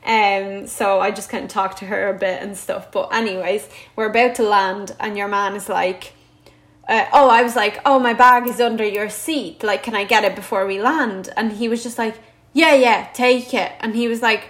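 A woman in her twenties with a Dublin Irish accent, telling a story in casual chat and acting out what people said in lively bursts. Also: mid-range voice, normal speed. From Dublin, Ireland. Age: 20s. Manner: animated, quotes others in lively bursts.

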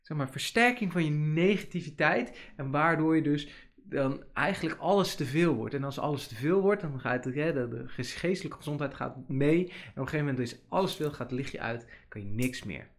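A man's voice: a little high, expressive, normal speed. A man, hosting a casual podcast monologue, chatty and rambling with many fillers. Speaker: podcast host.

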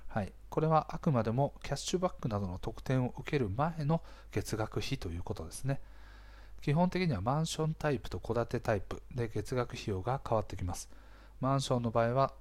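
A man with a slightly hoarse voice hosts a casual explainer, talking conversationally to listeners and often checking in with small interjections. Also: medium pitch, expressive, a little fast, darkish tone. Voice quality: hoarse, gravelly-sounding voice. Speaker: podcast host.

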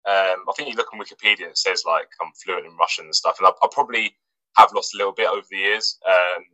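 Low-pitched and quick, this male English footballer talks casually as an interview guest, relaxed though hesitant, with lots of fillers and restarts. The recording is rough, with no room sound.

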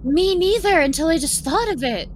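High, animated woman playing a tabletop game. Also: moderate pace, slight background noise. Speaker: player. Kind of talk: casual tabletop role-play.

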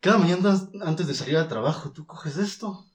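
A man voicing a calm, reassuring doctor in a slightly lower, slower voice. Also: close to an everyday voice. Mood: soothing. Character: calm, odd male doctor, middle-aged.

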